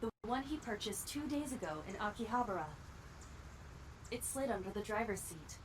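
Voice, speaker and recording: A woman's voice: mid-range voice, animated, moderate pace, noisy background, close to an everyday voice. A woman playing a composed, matter-of-fact artificial intelligence partner in a video game, speaking precisely and formally. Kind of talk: English video game voice acting.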